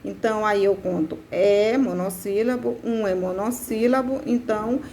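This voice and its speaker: A woman teaching a literature lesson, explaining slowly step by step and often checking that her students follow. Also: medium pitch, steady tone, warm tone, slight background noise. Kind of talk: classroom lesson.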